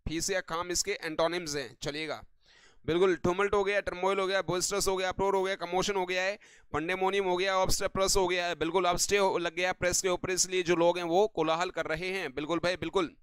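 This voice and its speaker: A man's voice: sits high, little pitch movement, fast talker, fairly bright tone, smooth, dry recording. A man teaching English vocabulary in an online lesson, often repeating stock affirmations and tossing questions to the viewers.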